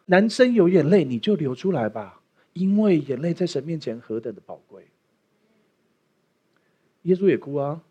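Male pastor, sermon, animated delivery, playful humor, slightly high voice. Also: breathy edge. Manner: playful, jokey preaching with acted asides. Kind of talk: sermon with prayer.

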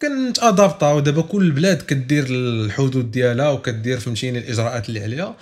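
A man's voice: mid-range voice, racing, a little mellow. A man with a Moroccan accent hosting a casual football podcast, talkative and insistent, slipping in French words. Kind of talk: casual sports podcast chat mixing in French.

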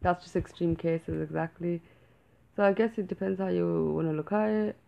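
A woman's voice: lowish voice, moderate pace, gravelly. A woman from England, co-hosting a casual chat and hedging her points with many "like"s. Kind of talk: casual conversation. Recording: dull lo-fi audio.

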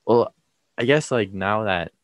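A teenage young man from Mexico guests on a casual podcast. His voice is very low, and he speaks in halting bursts with frequent restarts. The recording is dry and close. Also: no echo. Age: teens. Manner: hesitant, halting, laughs often. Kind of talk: casual interview chat.

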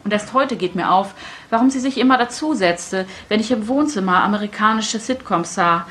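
A woman's voice: medium pitch, normal speed, a little hiss or hum. Wry middle-aged woman reading her own stories. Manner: wry, deadpan, self-mocking. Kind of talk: live literary reading.

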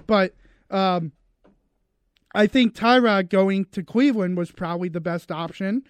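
A man's voice: sits high, a little slow, smooth, no echo. A man co-hosting a radio sports talk show, chatting casually and restarting his sentences often. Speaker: radio co-host. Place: radio studio.

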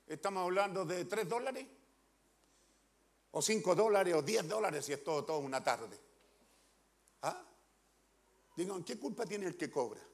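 High-voiced preacher, swinging loud and soft. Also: male voice. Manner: emphatic, questioning the congregation, swinging loud and soft. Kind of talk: sermon.

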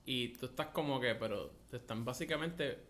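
Lively Puerto Rican man telling stories. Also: mid-range voice, brisk. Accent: Puerto Rican Spanish. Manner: animated, profane, mixes in English words. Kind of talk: casual storytelling chat.

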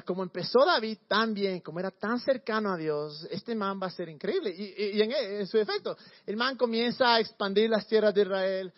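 Guy preaching casual, slangy and animated, high voice, muffled recording. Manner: slangy, animated, repeats words. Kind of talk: casual storytelling sermon.

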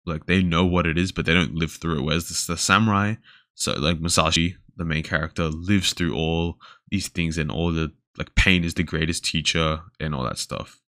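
Young aussie guy with a deep voice just rambling to his camera for his podcast, lots of "like", dry sound. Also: steady tone, moderate pace, sharp tone, no room sound. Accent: Australian. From Australia. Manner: rambling, filler-heavy, often trails off. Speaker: podcast host. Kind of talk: casual solo podcast monologue. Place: indoors talking alone to a camera.

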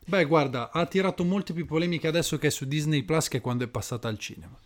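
A man co-hosts a casual podcast, joking and teasing his partner as they talk. His voice sits a little high for a man. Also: fast talker. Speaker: podcast co-host.

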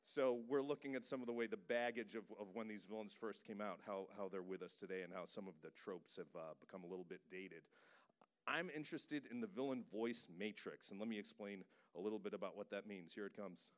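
At a live event in a cinema, a man who works as a voice director talks about pop culture with enthusiasm and plenty of jokes. He speaks briskly in a fairly low voice.

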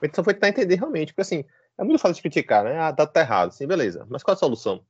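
Fast-talking man, dry dull audio. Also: on the high side, slightly rough, no echo. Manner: fast, lively, reasoning out loud with fillers. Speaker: podcast co-host, football fan. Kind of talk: casual chat.

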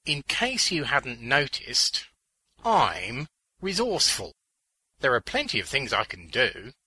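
A man voicing a sardonic, resourceful male clown with a dry, deadpan delivery. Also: medium pitch, takes it slowly, husky, dry recording, pitched above the performer's own voice, full character voice. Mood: wry.

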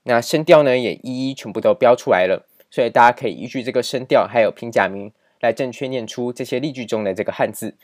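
A man's voice: medium pitch, fast talker, few pauses. A man teaching a grammar lesson over slides, explaining patiently and repeating key points with many filler particles. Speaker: language teacher.

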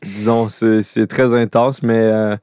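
Québécois guy in his 40s, smooth clear voice, kinda hesitant, lots of euhs, dry close sound. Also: lowish voice, flat delivery, takes it slowly, warm tone, dry recording. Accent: Québécois French. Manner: hesitant, searching for words with many fillers. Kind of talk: casual chat.

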